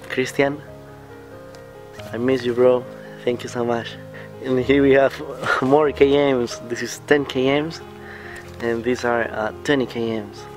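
A young man talks loosely into a close camera mic outdoors, relaxed and rambling, dropping fillers and laughs as he goes. His pitch sits at an ordinary middle height. Soft music plays faintly behind him. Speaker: student vlogger. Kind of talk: casual vlog chat. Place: outdoors beside a building.

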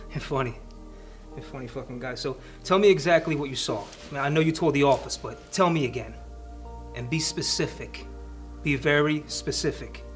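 A man plays a tough cop in a screen drama, a detective questioning a witness. He is sardonic, blunt and probing, at a medium pitch, with music underneath. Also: moderate pace, a bit bright, lightly acted. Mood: sceptical pressing. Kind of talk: naturalistic screen acting, interrogation scene.

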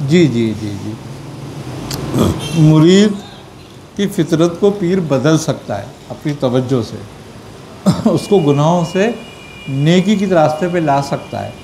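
Teaching a religious gathering, this man from Pakistan has a mellow, animated voice on the high side and takes long pauses. He answers questions and keeps checking understanding with rhetorical questions, over slight background noise.

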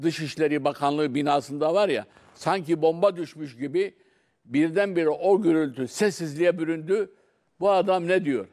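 A man's voice: a little high, a little mellow. An older man arguing as a guest on a televised political panel, insistent and repeatedly cutting in to demand that others listen. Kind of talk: heated televised panel debate. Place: TV studio.

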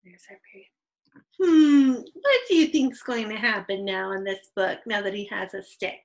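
A woman's voice: medium pitch, expressive, normal speed, vocal fry, low-quality recording. A young adult woman teaching an online reading lesson to young children, patient and encouraging, on a computer microphone.

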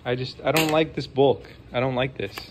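While taking apart a game console at his home desk, a sniffly-nosed man in his forties chats enthusiastically about the modding, with rambling, apologetic asides. His medium-pitched voice has fairly even intonation at a normal speed, and there's heavy background noise.

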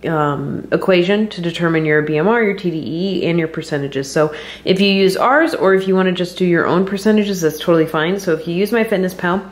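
Speaking fairly quickly in a lowish voice, an American woman in her thirties explains things and chats in a relaxed vlog style. She's a fitness vlogger recording on camera in her home kitchen, a roomy indoor space with some background noise.

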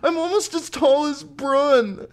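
A man voicing a tall young woman who sobs and pleads about her looks in a storybook reading. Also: slow pace. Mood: distraught. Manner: high sobbing pleas.

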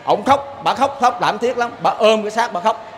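A Southern Vietnamese man delivers a sermon in a high-pitched voice, folksy and full of stories. He keeps turning to his listeners with quick rhetorical questions. A faint background noise sits under his voice. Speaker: Buddhist lay preacher. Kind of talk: sermon with storytelling.

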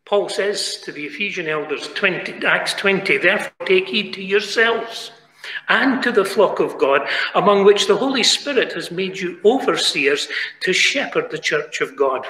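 British preacher guy, high bright voice, earnest pleading sermon, big echoey chapel. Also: lively intonation, normal speed. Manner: earnest pleading, swinging between quiet asides and raised emphatic lines. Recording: echoey chapel with long reverb.

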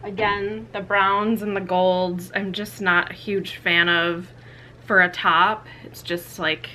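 Young woman, casual vlog chatter, bright tone, filler-heavy, small closet, tripod camera a few feet away. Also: mid-range voice, little pitch movement, slow pace, a little hiss or hum. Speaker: vlogger. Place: small walk-in closet, indoors.

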